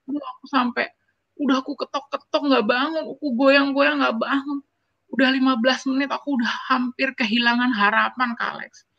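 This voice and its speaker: A woman's voice: high-pitched, fairly quick, creaky, no room sound, dull audio. A woman in her forties, a university lecturer, telling personal stories in an interview. She speaks with emotion and keeps turning to address the host. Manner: emotional, animated storytelling that often turns to address the host. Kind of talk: personal storytelling in a conversational interview.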